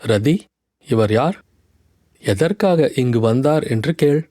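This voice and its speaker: A man's voice: mid-range voice, animated, slow pace, mellow, no room sound, clean studio sound. A man voicing a proud, wounded young dancer woman. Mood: cold, resentful. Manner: reproachful, speaks through a pet deer.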